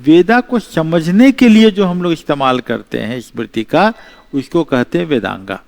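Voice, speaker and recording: A man giving an exam-prep history lecture, explaining slowly, repeating key terms and mixing in English phrases. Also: on the high side, animated, creaky, darkish tone. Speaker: teacher.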